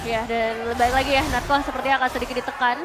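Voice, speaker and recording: High-voiced Indonesian woman esports caster. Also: flat delivery, quick pace. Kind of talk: conversational esports commentary. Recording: music behind the voice. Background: music.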